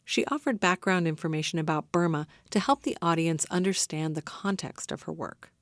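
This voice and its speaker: A woman's voice: lowish voice, normal speed, no room sound. A woman hosting a radio program, giving a scripted introduction to her guest. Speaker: radio host.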